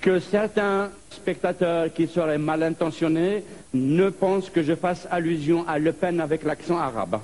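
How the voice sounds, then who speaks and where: A man from Algeria performing a stand-up comedy monologue, telling stories in a lively way. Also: fairly high pitch, measured pace. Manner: lively storytelling with put-on voices.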